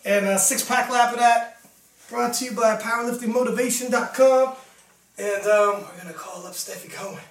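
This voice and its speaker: With a very high voice, a steady tone and a moderate pace, this young host from Canada runs a relaxed live interview show, chatting, laughing a lot and filling gaps with fillers. The microphone is distant and set back, so the audio sounds roomy.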